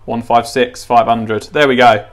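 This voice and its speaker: Here the voice is a mid-range male one with little pitch movement and a measured pace. At a tiled kitchen counter indoors, he walks through a gadget how-to in a casual, unscripted way, repeating points and musing aloud as he goes.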